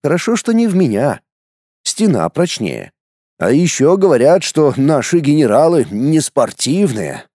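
Man, audiobook narrator, wry deadpan, dark mellow voice, very animated pitch, dry close sound. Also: unhurried, no echo. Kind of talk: first-person audiobook narration.

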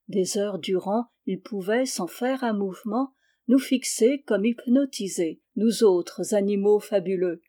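Mellow-voiced woman reading a novel. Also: mid-range voice. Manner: calm, measured, expressive reading. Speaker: audiobook reader. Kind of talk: literary audiobook narration.

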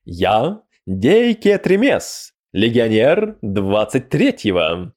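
A man's voice: medium pitch, huge pitch swings, slow, a little mellow, exaggerated voice. A man voicing a young male cavalry demon who is eager, boastful and curious, exclaiming with delight as he speaks. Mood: jovial.

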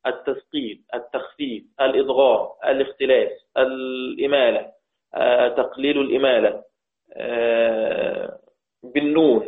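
Egyptian man teaching slowly, tinny echo. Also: medium pitch. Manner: slow, repetitive teaching with rhetorical questions. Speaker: teacher of Quranic recitation. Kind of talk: recorded lesson. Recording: tinny, echoey lo-fi recording.

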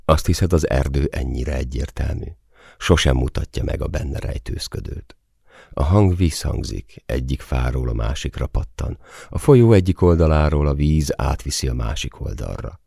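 Soft-spoken, blunt young woman, read by a man in a low, gravelly register for an audiobook. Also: animated, dry recording, clean studio sound, full character voice. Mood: calm. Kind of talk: audiobook character reading.

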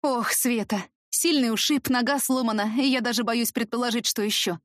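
A woman's voice: a little high, steady tone, moderate pace, no room sound, studio quality, natural voice. A woman voicing a blunt, outspoken middle-aged nurse at a children's home. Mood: fretful. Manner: outspoken, fretful.

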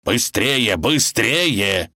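A man voicing a loyal, flustered talking grey wolf in a storybook reading, hurried in manner. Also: fairly low pitch, very animated, gravelly, a bit bright, no echo, clean studio sound, pitched above the performer's own voice, exaggerated voice. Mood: urgent.

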